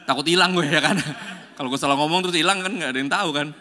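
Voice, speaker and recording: A man's voice: on the high side, rapid-fire, sharp tone. A male pastor preaching a sermon in a joking, slangy style and acting out quotes as he tells stories.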